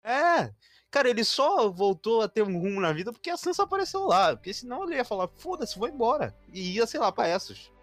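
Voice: mid-range voice, very animated, quick pace, faint music behind. A speaker, chatting casually and expressively with slang on a podcast. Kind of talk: casual chat.

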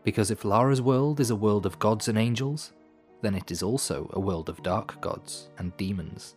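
A man hosting a podcast with scripted storytelling narration, in measured, dramatic phrasing with dry asides. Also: fairly low pitch, a little mellow. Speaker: podcast host. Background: music.

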